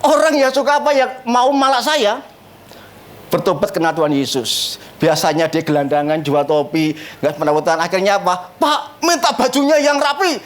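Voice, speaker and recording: A man's voice: a little high, moderate pace. A man preaching a sermon as pastor in a church, telling funny stories and laughing often as he talks. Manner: animated, joking, laughs often at his own stories. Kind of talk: humorous storytelling sermon.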